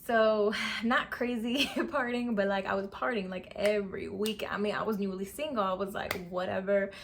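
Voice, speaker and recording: A woman's voice: mid-range voice, steady tone, moderate pace, creaky, a little hiss or hum. A woman in her twenties telling a storytime vlog in a chatty, sassy way, full of slang. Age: 20s. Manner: chatty, sassy slang, says sis and okay a lot. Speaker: beauty vlogger. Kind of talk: casual storytime.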